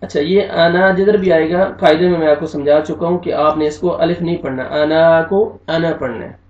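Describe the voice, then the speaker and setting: A man teaching Quranic recitation, spelling out each syllable slowly and drawing out the recited words. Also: a little high, fairly even intonation, darkish tone. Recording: echoey, distant, dull lo-fi room sound.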